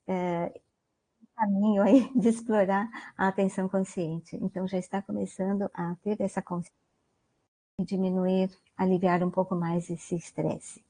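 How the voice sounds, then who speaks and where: A guest mindfulness lecturer speaks in a warm, mid-range woman's voice with a Brazilian Portuguese accent. Her online talk is conversational: she often ends sentences with "né?" and poses questions to her listeners.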